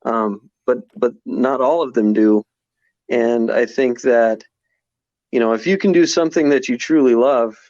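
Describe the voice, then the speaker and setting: A man in his forties talks reflectively as a podcast guest, often restarting his sentences. His voice sits in an ordinary middle pitch. The sound is dry and slightly dull, like a modest podcast recording. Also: a little mellow, no room sound. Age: 40s. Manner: reflective, many restarts and fillers. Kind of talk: casual conversation.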